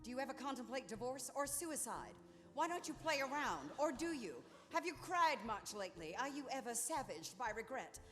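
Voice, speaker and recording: A woman playing a sharp-tongued middle-aged wife who speaks in a crisp, ironic way, in a stage production. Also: high voice, sing-song, moderate pace, faint music behind. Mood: cutting. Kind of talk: stage musical acting. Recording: theater stage with long reverb.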